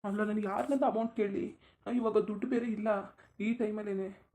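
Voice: medium pitch, fairly even intonation, normal speed, warm tone, close to an everyday voice. A performer voicing a worried young village man in a cartoon, pleading with friends for money. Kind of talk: cartoon voice acting.

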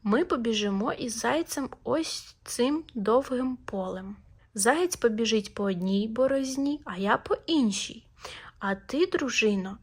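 A woman voicing a cunning, boastful male hedgehog in a storybook, sly and self-satisfied. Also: a little high.

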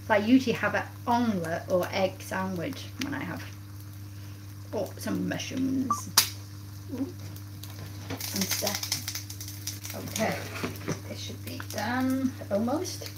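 Slow-talking woman cooking and chatting. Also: mid-range voice. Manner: chatty, talks to viewers while busy at the stove. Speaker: cooking livestream host. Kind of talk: casual live chat while cooking. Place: home kitchen, indoors. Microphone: phone camera close by on the counter. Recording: kitchen noise, pans sizzling behind.

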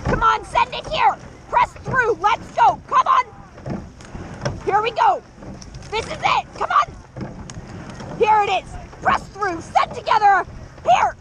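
Loud wind, water and rowing clicks surround a young woman coxswain in a boat. She shouts short, repetitive commands at a very high pitch. Her calls are urgent and motivational, with drawn-out, measured spacing. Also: animated. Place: outdoors in a boat on open water.

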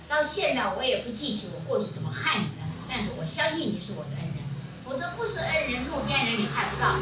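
A woman with a Taiwanese Mandarin accent gives a sermon in a temple hall, with animated teasing rhetorical questions. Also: a little high. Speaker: spiritual teacher. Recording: echoey room from a distance, faint hum.

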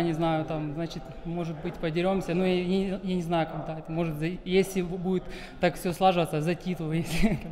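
A man in his twenties giving modest, halting interview answers as a fighter. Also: high-pitched. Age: 20s. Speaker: MMA fighter being interviewed. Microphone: interviewer's handheld microphone. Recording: reverberant hall, crowd noise behind.

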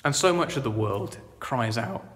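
A man preaching a sermon, earnest and conversational, moving between loud proclaiming and quiet reflection. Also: mid-range voice, animated, normal speed, big-room sound. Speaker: vicar. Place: church.

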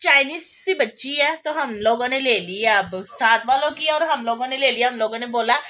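Chatty doting woman with a bright, high voice. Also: moderate pace. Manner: chatty, doting, often laughing. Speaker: vlogger. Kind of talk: casual home vlog chat. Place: home room indoors. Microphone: phone camera.

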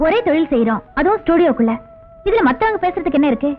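An actress playing a lovesick younger sister who pleads sweetly. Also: female voice, very high-pitched, big pitch swings, quick pace. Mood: pleading. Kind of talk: 1980s Tamil film dialogue. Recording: tinny old film soundtrack with faint music.

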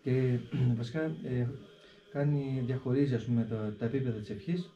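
A man, a hermit monk, explaining a prayer in an interview in a deliberate way, often repeating a filler word and slowly reciting the prayer with shifting stress. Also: medium pitch, steady tone, mellow. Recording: echoey, dull recording with faint background noise.

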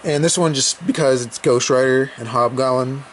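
A young podcast host opens old comic books on his bed indoors, rambling and swearing casually to a handheld camera. His voice sits at medium pitch with a moderate pace. There's a little hiss or hum, and the recording is rough.

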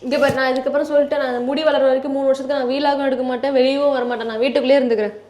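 A young woman at home scolding her husband in shouts and tears, sometimes softening into baby talk in a casual vlog. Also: high-pitched, level tone, very fast. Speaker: vlogger, wife in a prank video. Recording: echoey room, faint music.

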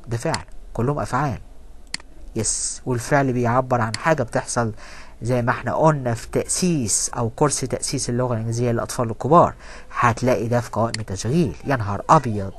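A man with an Egyptian Arabic accent teaching an English grammar lesson. He reads the English sentences slowly and then explains them quickly in Arabic. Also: medium pitch, a little hiss or hum.

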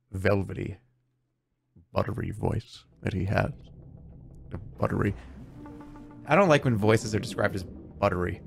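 There's vocal fry in the fairly low voice of this man in his thirties, who chats casually on a home livestream through a desk mic. He rambles animatedly and curses often.

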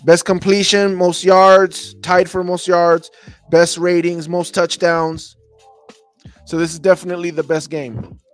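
Man muttering through game film. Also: on the high side. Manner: thinks aloud, repeats phrases, mutters to himself. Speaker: podcast host reviewing game film. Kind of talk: casual film breakdown for a live stream audience.

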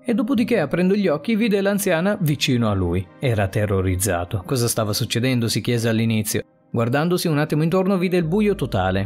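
Lively dramatic male story narrator. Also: mid-range voice. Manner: dramatic, expressive reading. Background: faint music.

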